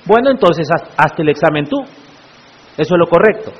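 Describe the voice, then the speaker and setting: A man's voice: on the high side, animated, brisk, breathy edge. Man, pastor, sermon, rhetorical questions, long church echo, dull muffled audio. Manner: preaching with frequent rhetorical questions to the congregation. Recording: echoey church hall, muffled lo-fi sound.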